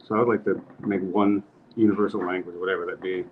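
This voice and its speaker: A man's voice: deep voice, little pitch movement, quick pace. A man hosting a casual podcast chat, earnest and rambling, laughing at his own jokes. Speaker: podcast host. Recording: slightly muffled with faint noise.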